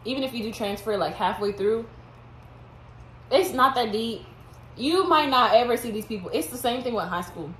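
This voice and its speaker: A woman's voice: a little high, moderate pace, a bit bright, slight background noise. Young woman vlogger in a roomy space. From Houston, Texas. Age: young adult. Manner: laid-back, candid, laughs often. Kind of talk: casual chat.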